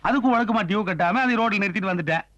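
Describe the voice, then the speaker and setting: A man's voice: high voice, very fast, fairly bright tone, dry recording, dull audio. A man in a comedy sketch, scolding and questioning the other with sarcasm.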